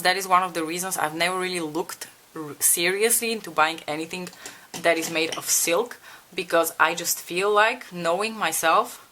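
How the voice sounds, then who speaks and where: A young Bulgarian beauty vlogger chats candidly with viewers while doing her makeup, asking for their advice and swearing casually in a relaxed tutorial. Her voice is lowish, pushed and bright.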